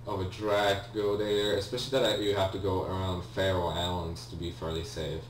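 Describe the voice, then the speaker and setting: Talking a little fast in a low voice with little pitch movement, a let's player gives loose, rambling game commentary full of hesitations and corrections. A faint hum runs under the roomy, distant-mic recording.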